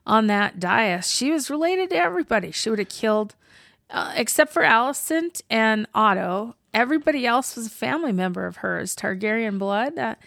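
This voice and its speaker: A woman co-hosting a podcast, excitedly recapping a TV episode in casual chat and swearing freely. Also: on the high side, moderate pace, vocal fry, no room sound, clean studio sound. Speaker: podcast co-host.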